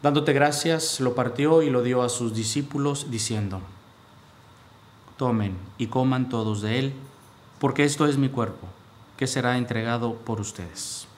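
A male priest leading the prayers of a Mass with steady, solemn recitation, his voice carried by the echo of a large church. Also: medium pitch, unhurried. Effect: cathedral echo. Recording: echoey church with faint background hiss.

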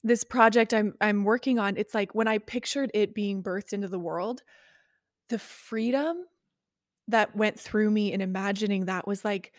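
A woman's voice: mid-range voice, normal speed. A woman with a mid-range voice hosts a podcast conversation. She reacts with effusive enthusiasm and eager follow-up questions. Her voice sounds close and dry, with no room echo. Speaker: podcast host. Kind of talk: podcast interview.

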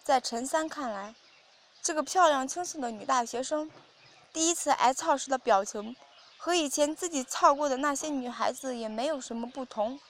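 A woman with a high, light voice narrates an audio story at a steady, even reading pace. The narration is measured and continuous, with a faint hiss in the background.

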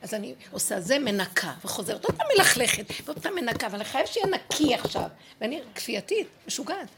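Animated woman teaching a spiritual lesson. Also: fairly high pitch, slight background noise. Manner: animated, emphatic, acts out prayers and dialogue.

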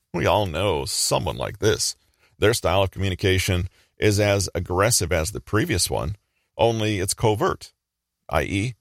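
Deep-voiced man narrating a lesson. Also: no room sound, clean studio sound. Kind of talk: scripted educational narration.

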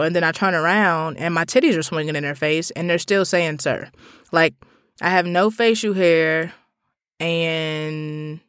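Animated, profane woman podcast host. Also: no echo, studio quality. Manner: animated, profane, swings between loud outbursts and low asides. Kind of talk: comedic podcast monologue.

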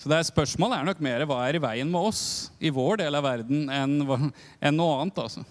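A male preacher delivers a teaching in a frank, conversational way. His voice sits high, and he breaks off into quick asides and questions to the congregation. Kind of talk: sermon teaching.

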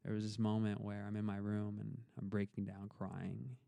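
Gravelly, low-voiced young man telling his story. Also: monotone, normal speed, mellow, no room sound. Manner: earnest, reflective, repeats words as he thinks. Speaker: podcast guest. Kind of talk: storytelling in a casual interview.

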